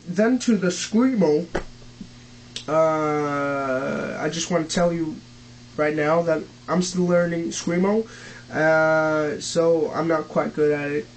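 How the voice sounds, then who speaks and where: A young man who is not a native English speaker, teaching vocal techniques in a casual home tutorial, halting with many fillers and restarts. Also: fairly high pitch, slight background noise, rough recording.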